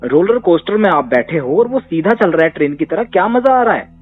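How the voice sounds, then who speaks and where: A man's voice: sits high, animated, fairly quick. Emphatic man coaching over a tinny line. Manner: emphatic, repeats points with rhetorical questions. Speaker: psychotherapist answering questions. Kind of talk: conversational Q&A advice. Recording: tinny phone-line audio with faint music.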